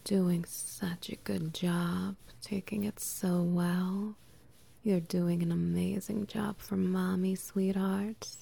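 A young adult woman whispering softly and teasingly in an intimate audio roleplay, with quiet laughs between phrases. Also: on the low side, level tone, slow, gravelly, slightly rough.

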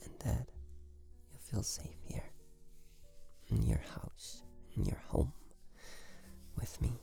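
A man in a whispered role-play as a tender, soothing boyfriend, murmuring sweet nothings in a soft, breathy voice. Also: takes it slowly, soft background music.

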